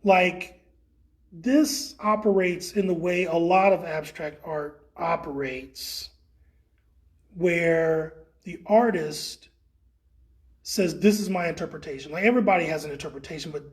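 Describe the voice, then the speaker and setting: Man, high pitch, relaxed rambling tour guide, exhibit walkthrough. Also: slow. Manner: relaxed, rambling, many fillers. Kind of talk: casual guided gallery tour. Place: indoor art exhibit.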